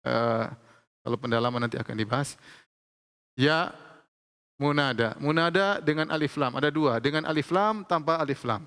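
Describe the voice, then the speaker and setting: A man teaching Arabic grammar in a lecture, explaining slowly and repeating each example with frequent checks of "ya". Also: medium pitch, fairly bright tone, smooth. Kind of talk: classroom lecture. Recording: long hall reverb.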